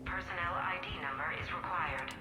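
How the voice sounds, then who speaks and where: A woman voicing a calm female security computer that announces warnings in a flat, even tone. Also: lowish voice, fairly quick, faint music behind, poor audio.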